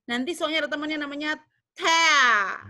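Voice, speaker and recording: A young woman leads a pronunciation lesson, her voice sitting a little high. She repeats each word slowly and keeps asking whether her students follow. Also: pushed and bright. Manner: drills words, repeats them slowly, checks understanding. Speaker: English teacher.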